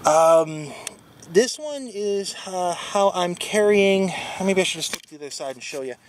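A man's voice: high-pitched, lively intonation, a little slow, noisy background. Rambling man vlogging outdoors on camera. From Wisconsin, USA. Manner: rambling, many fillers and self-corrections. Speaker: bike touring vlogger. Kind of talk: casual one-take gear walkthrough. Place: outdoors at a trailhead parking area. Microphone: handheld action camera at arm's length.

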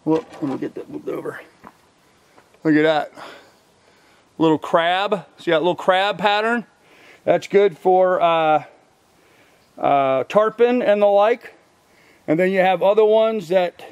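With a high, smooth voice, an older man takes his time showing his fishing gear outdoors by a truck in a field, leaving long pauses, rambling, saying um and uh, and correcting himself. It's a casual show-and-tell caught on a camera mic a few feet away, and the recording sounds dry.

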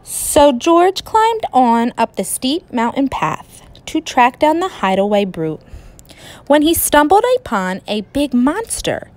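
A woman teacher reading a picture book aloud in a slow, expressive storytelling manner. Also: high voice.

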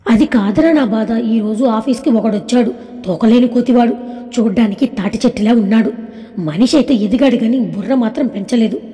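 A woman's voice: on the high side, brisk, lightly acted. A woman voicing a feisty, playful young woman who teases and bosses her friend. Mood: sulky. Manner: teasing, bossy, lively. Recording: echoey room with long reverb.

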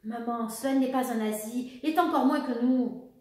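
A woman's voice: fairly high pitch, moderate pace, a little mellow, natural voice. A woman doing a defiant young daughter. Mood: pleading. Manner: hesitant, stumbling then insistent. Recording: echoey room, voice far from the mic.

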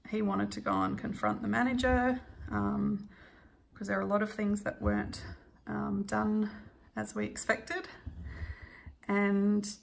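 A woman vlogger casually telling a travel story while she stitches at home, laughing often and filling pauses with ums. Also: mid-range voice, vocal fry.

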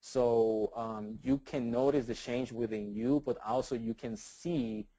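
A Puerto Rican man in his thirties, with a matching accent, is an eager guest in a casual interview, often repeating words and tacking on "right?" His medium-pitched voice is warm, fairly even and a little slow, recorded with no room sound on low-quality audio.

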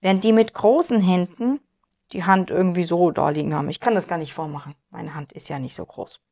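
A woman's voice: on the low side, fairly quick, warm tone. A woman with a German accent teaching piano, patiently explaining and demonstrating at the keyboard. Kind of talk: piano tutorial instruction. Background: piano playing.

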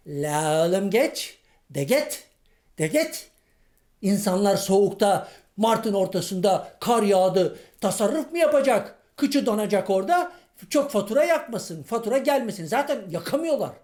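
A man's voice: sits high, a little mellow. A male comedian playing a grumbling, irritable middle-aged man on the street in a comic monologue sketch, ranting in folksy slang and firing off rhetorical questions.

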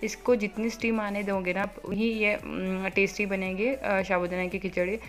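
A woman in her thirties chats away quickly in a home vlog, stringing her sentences together with plenty of fillers as she cooks and tidies. Her voice sits at an ordinary middle pitch, and she is a native Marathi speaker. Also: steady tone, soft background music. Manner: fast, chatty, many fillers. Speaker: vlogger. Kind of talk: casual home vlog, cooking and chores.

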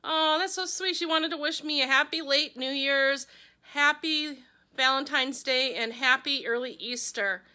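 Middle-aged woman vlogger from Wisconsin, high and bright voice, gushing casual chat. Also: unhurried. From Wisconsin, USA. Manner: gushing, chatty, talks to her pet. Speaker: vlogger opening fan mail.

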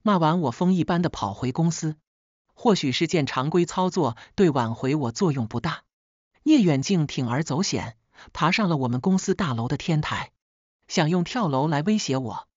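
A woman narrating a scripted first-person story in a steady, sharp-tongued way. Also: low-pitched, normal speed, no echo, highs cut off.

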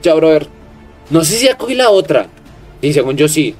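A man's voice: a little high, very animated, moderate pace, faint music behind. Jumpy young Colombian man gaming. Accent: Colombian Spanish. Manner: jumpy, yelps and swears at scares, hushes himself. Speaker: gaming streamer. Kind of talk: horror game let's play commentary.

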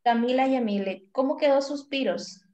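A woman's voice: sits high, normal speed, mellow, muffled recording. A woman teaching a primary class over a video call, patiently calling on pupils by name and drilling syllables. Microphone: video call microphone.

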